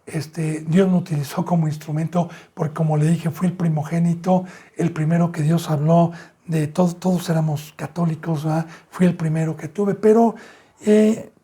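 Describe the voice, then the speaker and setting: Husky pastor preaching emphatically. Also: male voice, fairly even intonation, normal speed, mellow. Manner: preaches with rhetorical questions, addresses listeners as brothers and sisters; emphatic jumps in pitch and volume. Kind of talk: sermon.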